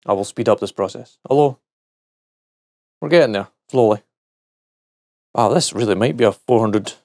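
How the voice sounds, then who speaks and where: A man's voice: on the low side, normal speed, gravelly, darkish tone, dry recording, clean studio sound. A middle-aged man chatting casually and jokily while testing and taking apart a gadget, talking to himself as he works. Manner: chatty and jokey, talks to himself while working. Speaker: gadget reviewer. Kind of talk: casual hands-on product teardown.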